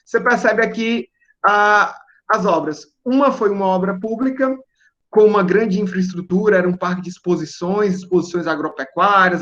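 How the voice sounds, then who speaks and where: A young man, giving a relaxed, explanatory talk to students and checking in with "né?" and "certo?". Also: high voice, highs cut off. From Northeast Brazil. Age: young adult. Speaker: guest engineer speaking to students. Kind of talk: relaxed presentation over video call.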